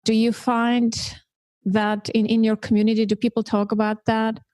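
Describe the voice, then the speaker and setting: A woman's voice: on the high side, little pitch movement, moderate pace, darkish tone, dry recording. A woman hosting a podcast, asking thoughtful, probing questions. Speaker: podcast host. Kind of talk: conversational podcast interview.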